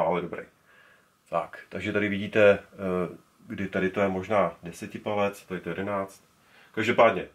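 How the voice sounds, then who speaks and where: A man's voice: lowish voice, fairly bright tone, a little hiss or hum. Rambling man showing off old speakers. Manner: rambling, many restarts, handles speakers while talking. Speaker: speaker collector. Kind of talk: casual show-and-tell. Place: indoor room full of speakers.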